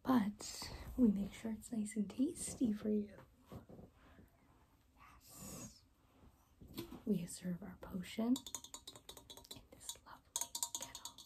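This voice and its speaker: A young woman in a whispered role-play as a caring rainbow fairy, speaking in a gentle, reassuring, breathy whisper. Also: mid-range voice, slow pace, pauses often. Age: young adult. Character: caring, soft-spoken rainbow fairy guide. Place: small room indoors.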